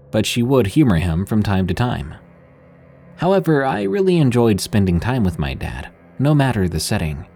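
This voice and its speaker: A man's voice: lowish voice, warm tone. A man hosting and narrating scripted scary stories in an ominous late-night radio manner, with music behind him. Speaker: host and narrator. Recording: music under the voice.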